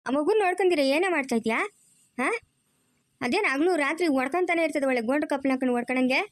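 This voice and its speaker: Cartoon grandma over 60 voiced by a woman, rural Chikkaballapur Kannada accent, fast and high, scolds, repeats curses. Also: no room sound, studio quality, close to an everyday voice. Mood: grumbling. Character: quarrelsome old grandmother, cursing and self-pitying. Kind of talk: cartoon voice acting.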